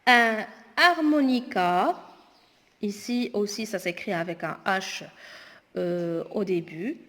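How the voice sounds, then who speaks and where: A woman teacher going through homework exercises aloud, slowly and deliberately spelling words out. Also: medium pitch, a bit bright. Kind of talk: spoken homework correction lesson. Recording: long echoing reverb.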